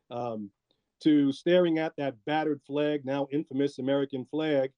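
A man, a former law enforcement officer, recounting his experience in a measured way with frequent pauses. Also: mid-range voice, no echo, dull audio. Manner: measured, with frequent ums and asides. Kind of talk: reflective interview storytelling.

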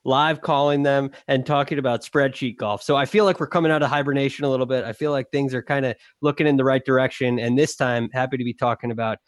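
A man who analyzes golf courses, chatting on a podcast in an easygoing way with halting starts. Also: medium pitch, fairly even intonation, dry recording, clean studio sound. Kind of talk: casual chat.

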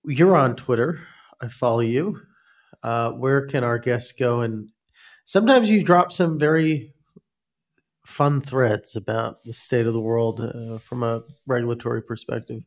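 A man's voice: mid-range voice, measured pace. A man hosting a podcast in casual interview chat, his nose stuffy from a cold. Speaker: podcast host.

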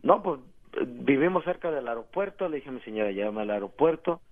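A Mexican man calling into a radio show, telling a story in a slangy, animated way. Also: medium pitch, fairly quick. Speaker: caller. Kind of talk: casual phone-in storytelling. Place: phone call into a radio show. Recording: tinny phone line.

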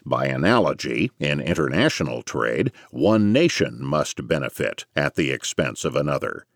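A man's voice: rumbling low, very animated, normal speed, vocal fry, no room sound, studio quality. A man narrating scripted nonfiction as an audiobook reader, in a formal, scholarly lecturing manner.

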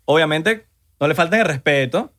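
A man's voice: on the high side, moderate pace. A young Venezuelan man co-hosting a podcast, joking and ranting in casual chat. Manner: animated, joking, swings into loud rants. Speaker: podcast co-host.

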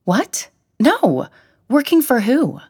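Woman voicing a pleading young granddaughter, anxious, raised voice, breathy, storybook. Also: sing-song, darkish tone, no echo, studio quality, full character voice. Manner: pleading, higher and quicker than the narration.

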